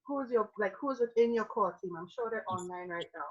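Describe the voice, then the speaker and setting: A woman with a Trinidadian accent talks fairly quickly at medium pitch on a lo-fi recording. She's interviewing a guest in a casual live-streamed chat, energetic and enthusiastic, now and then drifting into preaching.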